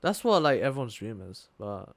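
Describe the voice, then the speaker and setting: A young man with a medium-pitched, sing-song voice speaks at a moderate pace on a dry recording. He co-hosts a casual podcast and rambles through a story full of fillers, restarts and frequent swearing. He lives in Thailand and goes to school there.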